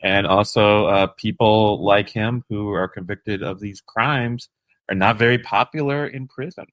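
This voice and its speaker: Male podcast co-host, very deep voice, dry close recording, deadpan humor. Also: unhurried, no echo. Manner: dry, wry asides. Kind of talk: casual chat.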